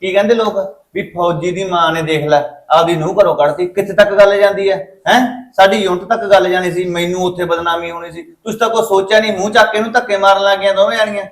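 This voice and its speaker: A man playing a fast, lecturing soldier son, Punjabi accent, somewhat high voice. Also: steady tone, roomy sound, natural voice. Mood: angry. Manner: scolding, lecturing. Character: stern soldier son, young adult man, quick-tempered. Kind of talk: Punjabi short film acting.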